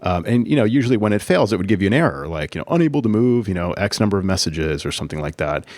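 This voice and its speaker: A man's voice: fairly low pitch, sing-song, racing, a little mellow, no room sound. A man co-hosting a podcast, telling a long work story in casual chat, full of fillers and restarts. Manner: rambling, many fillers and restarts. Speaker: podcast co-host, Apple consultant.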